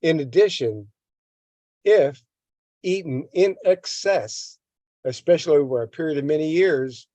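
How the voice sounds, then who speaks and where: This older health educator reads a text and interjects commentary, tripping over and repeating words and ranting long against a government agency. He speaks unhurriedly, pausing often, in a mellow, slightly high voice with no room sound.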